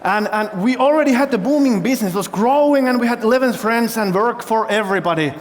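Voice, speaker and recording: High-voiced man giving a keynote. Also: fast. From Finland. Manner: engaging, quizzes the audience with show-of-hands questions. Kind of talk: stage keynote storytelling. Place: large festival hall stage. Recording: long hall reverb.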